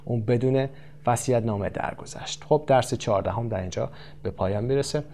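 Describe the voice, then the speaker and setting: A man gives a vocabulary lesson at a medium pitch. He says each English term slowly and carefully, then explains it in a rapid stream with hesitant fillers. A faint hum runs under the recording. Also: warm tone. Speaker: English teacher.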